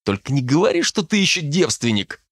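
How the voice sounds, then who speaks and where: A man voicing a brash, crude teenage boy at a magic academy, loud and impatient, teasing his friend. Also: on the high side, very animated, brisk, no room sound, clean studio sound, voice pushed up, full character voice. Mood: mocking, rowdy. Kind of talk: audiobook character voice.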